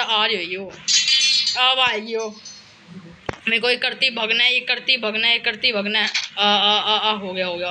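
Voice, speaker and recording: Young man, indian accent, very high voice, bright sharp tone, panicky horror gameplay commentary. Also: slight background noise. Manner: panicky, talks to himself by name. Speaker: gaming channel host. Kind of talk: excited horror game commentary.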